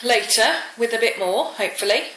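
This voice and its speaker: Her voice runs a little high, bright and forceful, expressive and fairly quick: a British woman in her thirties chatting casually in a home vlog while slightly wheezy with a cold. She records indoors around her home's rooms on a handheld phone or camera, and the echoey audio has some noise and clicks.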